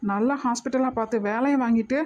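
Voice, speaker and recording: A woman voicing a calm, protective young man in a cartoon, talking in a patient, gently scolding way. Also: a little high, fast, highs cut off, natural voice. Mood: pleading, exasperated. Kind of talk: cartoon voice acting.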